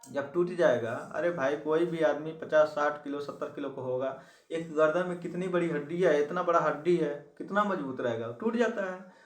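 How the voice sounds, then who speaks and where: A man's voice: on the high side, normal speed, distant mic. A man teaching an exam-prep biology lesson, repeating key terms and asking the listener questions. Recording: echoey room, voice from off-mic.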